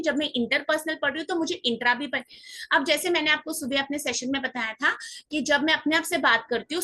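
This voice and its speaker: A woman's voice: high-pitched, bright, forceful tone, low-quality recording. A woman teacher explaining exam concepts in a mixed Hindi-English lecture, asking the class questions and answering them herself. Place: online class or recorded session.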